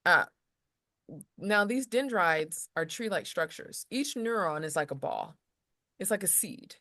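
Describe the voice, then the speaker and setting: A woman's voice: on the low side, animated, a little slow, sharp tone, no room sound, studio quality. A woman casually explaining lesson material as a tutor, rambling a little with restarts and slipping into example voices.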